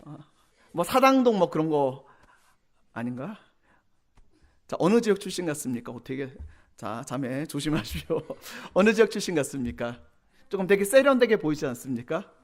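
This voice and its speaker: A man's voice: fairly high pitch, sing-song, normal speed, pauses often. A male pastor preaching a Sunday sermon to young adults, teasing the congregation with questions and acting out quoted church members in changed voices. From Korea. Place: church sanctuary.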